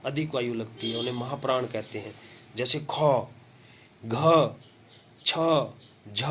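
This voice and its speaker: A man teaching Hindi grammar in a lesson, speaking slowly and deliberately and repeating example words aloud to show how they are pronounced. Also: medium pitch, a little hiss or hum. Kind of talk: classroom-style grammar lesson.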